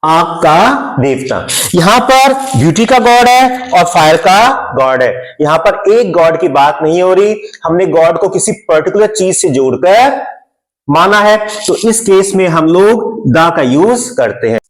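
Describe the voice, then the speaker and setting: Slow-explaining Indian male teacher. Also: high voice, expressive, rough recording. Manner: slow, explaining step by step, repeating terms in Hindi and English. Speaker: English teacher. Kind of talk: classroom grammar lesson.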